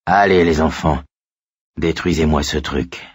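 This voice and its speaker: Man doing a gruff, kindly old cop. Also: rumbling low, steady tone, unhurried, no room sound, clean studio sound, full character voice. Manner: gruff, fatherly.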